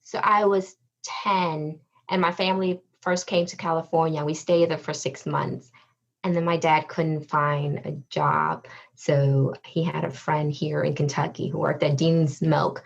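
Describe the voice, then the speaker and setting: A woman from Vietnam, a social worker and therapist, giving thoughtful, measured answers in a podcast interview. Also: sits low, creaky, lo-fi sound. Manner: thoughtful, measured, with frequent ums.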